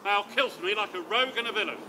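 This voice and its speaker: A man on an open-air stage playing a boisterous, scheming old knight who talks in a loud, swaggering, theatrical way. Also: high-pitched, fast talker, lightly acted. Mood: mocking. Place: outdoor stage. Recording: outdoor recording with traffic noise.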